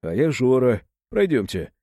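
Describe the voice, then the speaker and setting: A man voicing a calm, composed male plainclothes officer who speaks in a flat official tone. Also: mid-range voice, a little slow, no room sound, studio quality. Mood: cool.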